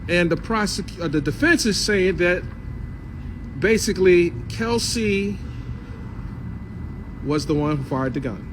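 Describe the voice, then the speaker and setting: A man's voice: high voice, lively intonation, a little slow, long pauses, background noise. A man giving a casual spoken report on a trial, hesitant and correcting himself.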